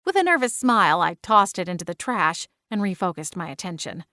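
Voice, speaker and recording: A woman's voice: on the low side, very animated, fairly quick, sharp tone, no echo. A woman reading a scripted first-person story as an audiobook narrator on a close microphone.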